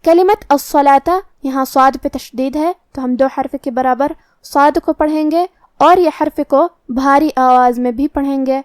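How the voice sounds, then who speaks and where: A woman with a Pakistani Urdu accent and a high voice gives a methodical tajweed lesson. She explains each rule in order, then recites the word slowly. The sound is dry and close, with no room echo. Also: a little mellow. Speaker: Quran recitation teacher.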